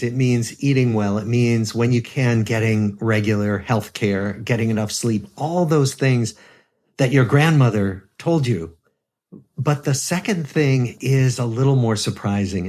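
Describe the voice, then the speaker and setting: A man in his seventies, a psychiatrist guest on a podcast, explaining things in a calm, measured way. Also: lowish voice. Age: 70s. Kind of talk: podcast interview.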